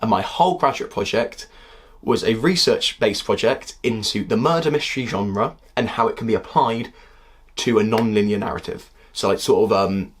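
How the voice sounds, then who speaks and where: A young man in his twenties with a husky voice, talking through a casual critique of a TV series in a heated, exasperated way. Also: on the low side, normal speed. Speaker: video critic.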